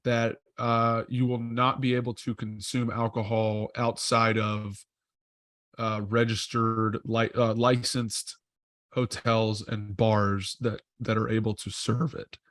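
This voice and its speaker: A man's voice: medium pitch, fairly bright tone, dry recording. Rambling man on a dry close mic. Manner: rambling, thinks aloud with frequent self-corrections. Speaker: podcast co-host. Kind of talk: casual podcast chat.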